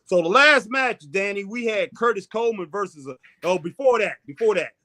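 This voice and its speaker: A man's voice: sits high, lively intonation, a little fast, sharp tone. A man hosting a casual sports chat in a folksy, conversational way, often tagging sentences with "man". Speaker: host of a wrestling talk show.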